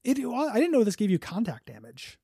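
Blunt, mellow-voiced male podcast host. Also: high voice, wildly swooping pitch, husky, dry recording, studio quality. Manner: blunt, jokey, quick to vent. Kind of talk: casual chat.

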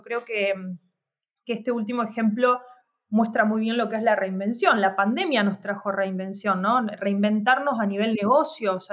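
Lady musing on a podcast, says "no?" a lot, mid voice. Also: mid-range voice. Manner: reflective, many fillers and tag questions. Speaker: podcast co-host. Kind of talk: casual podcast chat.

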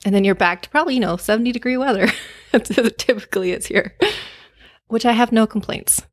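A woman co-hosting a podcast, telling relaxed, cheerful stories in casual chat. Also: on the high side, a little fast, no echo. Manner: relaxed, cheerful storytelling with soft laughs. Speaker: podcast co-host.

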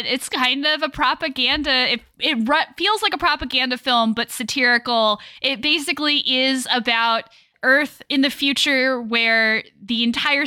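A woman's voice: fairly high pitch, sharp tone, clean tone, no room sound. A woman co-hosting a casual film podcast, explaining at length and laughing often. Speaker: podcast co-host.

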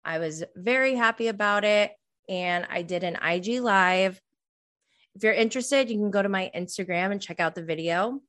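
A woman of around forty hosts a solo podcast recapping reality TV in casual chat. Her medium-pitched voice is a bit bright and moves at a normal speed. She rambles and her sentences often trail off.

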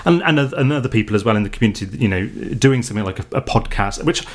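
Racing along with lively intonation, a UK man in the mid-range co-hosts a casual podcast. His delivery is hesitant, full of ums and restarted sentences.

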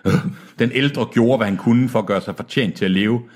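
A man's voice: medium pitch, darkish tone. A man reading a novel aloud to friends and breaking off for jokes and laughter. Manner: laughing, joking asides. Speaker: reader and co-host.

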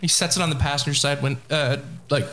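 Man with a slightly high voice, blunt chat. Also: fairly even intonation, fast talker, a bit bright. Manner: blunt, emphatic storyteller. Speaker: podcast co-host. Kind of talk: casual chat.

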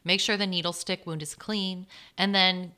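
A woman co-hosting a medical podcast, summarizing points in a brisk, playful way. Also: lowish voice, fairly even intonation, pushed and bright. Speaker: podcast co-host, clinician. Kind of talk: educational medical podcast talk.

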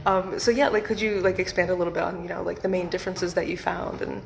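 A woman's voice: on the low side, fairly even intonation, fast talker, gravelly, a little hiss or hum, rough recording. A woman hosting an interview, asking casual questions with many fillers. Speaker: podcast host.

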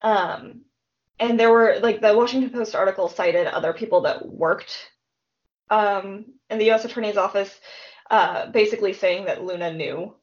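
A woman's voice: medium pitch, normal speed, highs cut off. Chatty woman recounting a true-crime case. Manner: chatty retelling, frequent "like" and "um". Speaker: podcast co-host. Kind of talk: casual true-crime chat.

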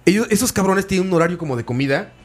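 Young Mexican male co-host; casual, animated storyteller, slightly high voice. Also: very fast, faint music behind. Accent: Mexican Spanish. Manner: slangy, animated storytelling with acted-out quotes. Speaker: podcast co-host. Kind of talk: casual chat.

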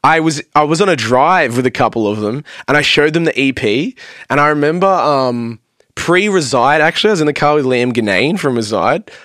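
A man's voice: fairly high pitch, fairly quick, dry recording, studio quality. A young man, a podcast guest, telling stories in casual chat, swearing freely and acting out what people said. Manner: animated storytelling, swearing freely, acting out quotes.

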